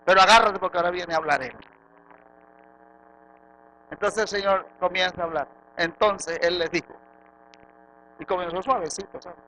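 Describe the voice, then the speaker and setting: A Venezuelan man preaches a church sermon in a high, piercingly bright voice. He drops into quiet asides, then rises to loud rhetorical questions. A faint background hiss sits under the voice. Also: rough recording. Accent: Venezuelan Spanish. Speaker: pastor. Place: church sanctuary.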